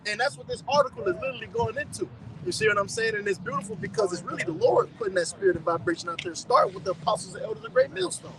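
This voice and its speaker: A man's voice: very high voice, sing-song, rapid-fire, background noise. A man leading a loose, streetwise Bible study discussion, reading scripture and preaching casually to a group.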